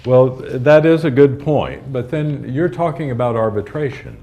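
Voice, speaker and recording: An actor playing a patient, slightly flustered judge in a courtroom drama, with hesitant, conversational authority. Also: male voice, medium pitch, expressive, moderate pace, lo-fi sound, natural voice. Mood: explaining, firm. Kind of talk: acted courtroom drama dialogue.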